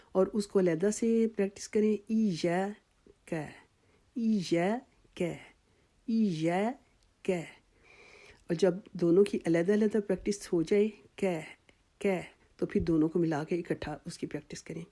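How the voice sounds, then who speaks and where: A woman with a Pakistani Urdu accent giving a tajweed lesson. She explains each sound patiently and stretches the example words out slowly. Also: medium pitch, mellow. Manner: patient, drawn-out demonstration of sounds. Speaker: Quran recitation teacher.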